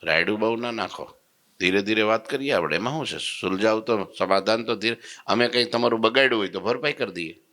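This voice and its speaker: A man playing a serene holy master who talks gently and reassuringly. The voice is low and bright, never raised. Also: a little fast. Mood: calm. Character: calm, patient male holy master.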